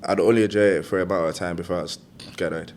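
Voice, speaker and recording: Young man, slangy London roadman accent, fairly low register, loose podcast chat. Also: fairly even intonation, rapid-fire, darkish tone, slight background noise. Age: young adult. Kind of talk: casual podcast banter.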